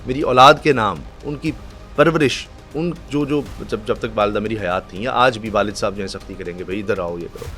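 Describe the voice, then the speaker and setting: A middle-aged man from Pakistan, a news anchor telling stories in a podcast chat, acting out quotes and reciting verse slowly. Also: lowish voice, a bit bright.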